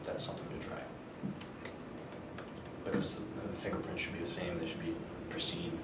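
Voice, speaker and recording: A man giving an informal technical explanation, halting and thinking aloud as he answers questions. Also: sing-song. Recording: roomy, far microphone, noticeable low rumble.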